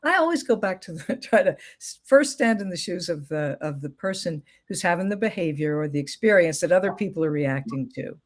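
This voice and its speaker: Gentle, thoughtful woman expert. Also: fairly low pitch, expressive, a little fast, hardly any pauses. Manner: gentle, thoughtful, many fillers. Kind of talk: casual interview chat.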